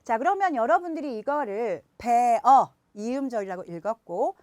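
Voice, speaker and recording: A woman teaching phonics to parents, speaking to viewers directly and slowing down to sound out example words. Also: on the high side, big pitch swings, darkish tone, no echo. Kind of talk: explanatory lesson.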